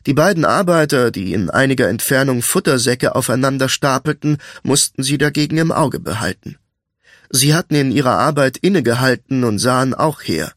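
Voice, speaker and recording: A man reads a fantasy audiobook in an even, measured way. His mid-range voice sits close to the mic in a dry, dead studio sound. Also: mid-range voice, no room sound. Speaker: audiobook narrator. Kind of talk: scripted fantasy narration.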